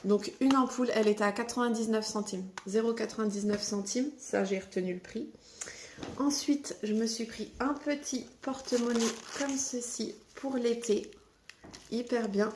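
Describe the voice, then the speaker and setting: At home, a vlogger in her thirties chats her way through a casual shopping haul video, showing products one by one. She is chatty and lively, with a slightly high voice, a roomy sound, and a little background noise.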